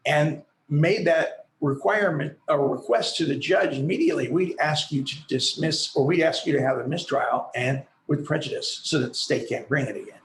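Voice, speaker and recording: A man's voice: fairly high pitch, a bit bright, roomy sound, slight background noise, low-quality recording. A man arguing for the state in an appellate court, persistent and argumentative. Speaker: attorney for the state.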